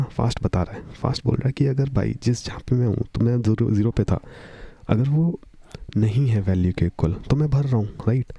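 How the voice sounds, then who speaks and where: Young man, casual coding explainer, chatty storyteller, low mellow voice. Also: vocal fry, husky, no echo. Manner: chatty, storytelling with repeated "ठीक है". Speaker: coding tutor.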